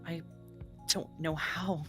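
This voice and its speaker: A woman reading game dialogue aloud, alternating between two character voices, one of them a breathy whisper. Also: deep voice, fairly even intonation, takes it slowly, music in the background. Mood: tense. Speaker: streamer voicing game characters.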